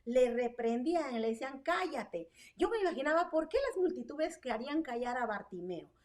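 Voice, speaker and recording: A woman preaching a streamed sermon with fervor, her voice sitting fairly high. She keeps asking rhetorical questions and checking in with her listeners as she goes. She sounds a little distant from the microphone. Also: lively intonation, fairly quick, darkish tone. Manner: fervent, rhetorical questions, frequent tag "¿verdad?" and fillers. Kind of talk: online sermon. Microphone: online stream.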